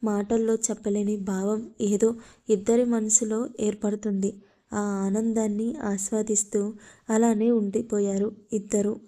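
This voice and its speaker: A woman narrating a love story, reading in a steady, flat way. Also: mid-range voice, unhurried.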